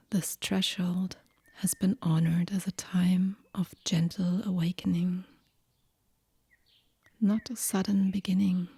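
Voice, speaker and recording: A woman guides a slow yoga nidra relaxation meditation in a breathy, hushed near-whisper with a fairly low pitch. She is gentle, unhurried and soothing, leaving long pauses, and the recording has no room sound.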